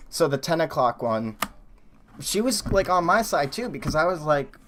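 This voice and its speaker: A man's voice: a little high, sing-song, moderate pace, fairly bright tone, a little hiss or hum. A man streaming live, chatting casually and telling a long story with many fillers and restarts while he types. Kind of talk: casual chat while building a coaster in a game.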